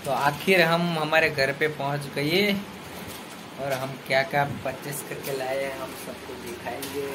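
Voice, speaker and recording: Filming a family vlog on a handheld phone, a man in his thirties plays around with his young son in a small home room, teasing and chatting. His mid-range voice is flat and unhurried, with clear background noise in the phone audio.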